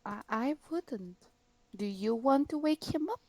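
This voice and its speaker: A woman's voice: on the high side, expressive, a little slow, darkish tone, no room sound. A woman playing a tabletop game over voice chat, giggly and hesitant. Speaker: player.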